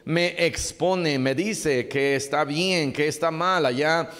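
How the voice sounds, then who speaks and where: A male pastor preaches earnestly, pressing his points home by repeating them. His voice sits a little high for a man. It rings out with a long reverb through a church hall. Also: slow pace, fairly bright tone. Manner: earnest, exhorting, repeats key phrases. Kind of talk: sermon.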